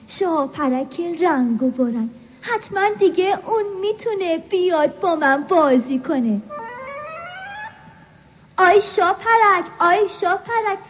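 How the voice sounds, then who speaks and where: A woman's voice: very high-pitched, expressive, few pauses, faint music behind. A woman voicing a mischievous young boy who pleads with animals in rhyme to play with him. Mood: pleading. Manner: pleading, sing-song rhymes. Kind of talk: children's musical audio story.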